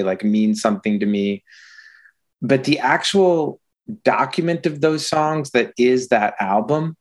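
Middle-aged man, mid-pitched voice, reflective, searching for words, casual talk. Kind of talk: casual chat about music.

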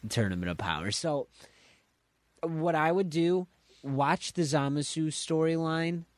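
Animated, laughing man in casual chat. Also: a little high, unhurried, no room sound. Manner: animated storyteller, laughs often.

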